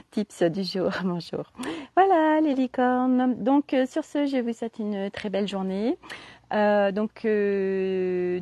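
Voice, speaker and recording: Woman on a live stream, chatty and slangy, lots of fillers, mellow voice, dry close sound. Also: medium pitch, dry recording. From southern France. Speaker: holistic coach. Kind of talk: casual live stream chat.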